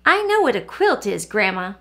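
A woman voicing an eager, impatient young girl in a storybook read-aloud. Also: normal speed. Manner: high and excited.

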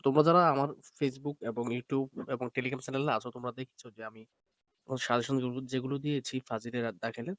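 A man's voice: medium pitch, dry recording. A man teaching an exam preparation lesson, reading out questions and word lists with filler sounds. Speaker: online madrasah teacher.

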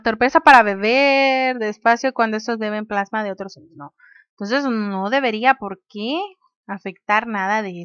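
Woman, high voice, smooth and clear, gaming commentary, chatty, reads menus aloud. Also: a bit bright, no room sound, highs cut off. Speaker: gaming youtuber. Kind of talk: casual let's play commentary.

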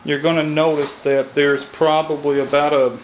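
His voice sits on the high side with a level tone and moderate pace, in a rough recording with slight background noise from a camera mic. The HVAC technician, in his thirties with a Kentucky accent, casually explains heating and air repair outdoors by an AC unit, then inside a house. He's folksy, thinking aloud and often saying "all right."

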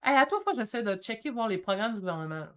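A woman in her fifties with a Québécois French accent, chatting excitedly while reading viewer comments on her painting stream. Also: medium pitch. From Quebec. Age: 50s. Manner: excitable and chatty, quick shifts in energy. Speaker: painting channel host. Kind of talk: casual livestream chat reading comments.

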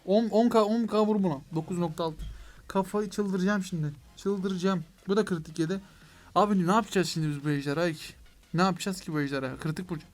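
A young man giving excitable let's play commentary on a mobile game, talking to his viewers and to the game, with mock frustration when things go wrong. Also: high voice, quick pace. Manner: excitable, addresses viewers as "gençler". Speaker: gaming YouTuber.

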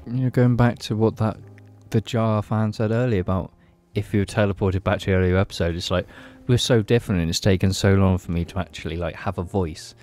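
Music plays in the background as a man in his twenties co-hosts a podcast from a small padded attic room using a mic on a boom arm. His fairly low voice stays steady and brisk with hardly any pauses, while his casual talk rambles and repeats like tipsy, whiskey-fueled chatter.

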